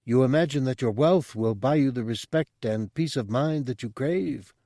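A telepathic spider-bodied monk speaks in a voice pitched well above the reader's own, soft and measured, coaxing a listener toward his offer, as a man puts him on. He is a non-human figure in an audiobook, calm and persuasive. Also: no room sound, studio quality, lightly acted.

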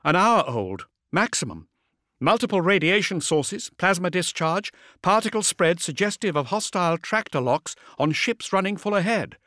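Guy putting on a brisk lady comms officer, high and lively, reels off reports. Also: dry recording, studio quality, heavily acted. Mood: brisk reporting. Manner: brisk clipped technical reports. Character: female vox officer on warship bridge, brisk.

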